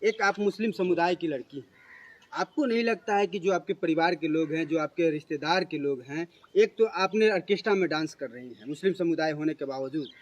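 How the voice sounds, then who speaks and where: A man puts formal, pointed questions to his guest. His voice sits very high for a man. The recording sounds a little muffled and dull. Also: a little fast. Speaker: interviewer. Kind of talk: interview questions.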